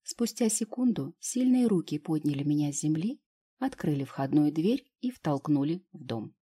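A woman's voice: low-pitched, mellow, husky. A woman narrating a first-person novel as an audiobook, in a wry, ironic way.

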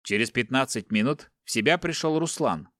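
A man narrating an audiobook in an even, steady reading voice. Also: medium pitch, moderate pace, no room sound, studio quality.

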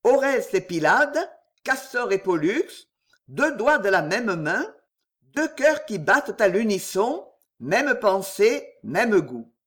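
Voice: mid-range voice, very animated, takes it slowly, fairly bright tone, full character voice. A reader putting on a boastful tipsy poet. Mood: pompous.

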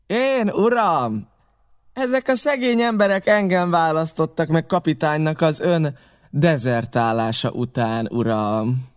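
A man's voice: high-pitched, expressive, clean tone, voice pushed up. A man reading an audiobook, voicing a sly one-legged pirate who speaks with ingratiating politeness. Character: sly one-legged male pirate, jovial and smooth-talking.

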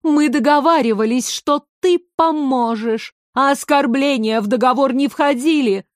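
A woman's voice: fairly high pitch, unhurried, dry recording, clean studio sound. A woman voicing a sarcastic water maiden. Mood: taunting. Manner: taunting, singsong.

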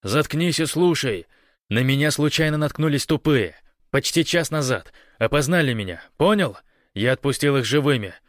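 Guy doing a desperate dude yelling orders on the radio, loud and commanding, dry sound. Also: mid-range voice, animated, normal speed, no echo, voice pushed up, close to an everyday voice. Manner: shouting, commanding.

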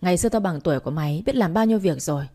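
A woman's voice: fairly low pitch, lively intonation, very fast, mellow. A woman reading a story, voicing a cruel, two-faced young woman who scolds a child harshly. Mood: harsh scolding.

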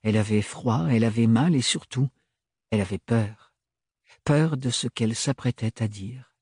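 Audiobook narrator, male, measured read, husky voice, dry close recording. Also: medium pitch, darkish tone, dry recording. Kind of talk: scripted novel narration.

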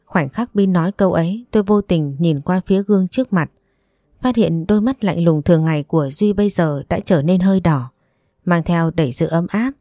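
A woman narrating a first-person audiobook story in a calm, even manner. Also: fairly low pitch, a little fast, no echo, studio quality.

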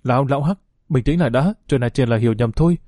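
A nervous, cowardly fixer stammers and pleads, as a male narrator plays him. The tone is mellow and close, with a dry sound. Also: medium pitch, racing, no room sound, close to an everyday voice.

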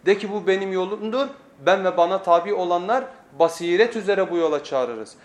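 Speaking a little fast in a voice that sits high, a man gives his weekly sermon lesson at a pulpit microphone. His delivery is emphatic, full of repeated phrases and rhetorical questions to those listening.

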